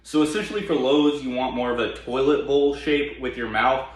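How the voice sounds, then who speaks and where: Male tutorial instructor, informal and plain-spoken, mid-pitched, heavily reverberant room. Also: fairly even intonation, moderate pace. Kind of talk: casual explanatory tutorial. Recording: very echoey room.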